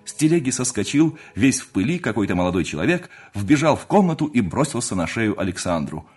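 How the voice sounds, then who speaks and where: A man reading a classic novel aloud as an audiobook narrator, expressive and measured. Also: medium pitch, husky. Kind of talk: scripted narration.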